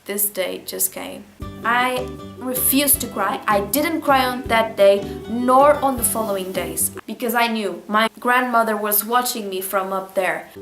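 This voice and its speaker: A woman in her late teens speaking English as a second language, talking candidly and expressively in a casual personal vlog as she reads from her diary. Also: mid-range voice. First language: not English. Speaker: vlogger. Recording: roomy echo, music behind. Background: music.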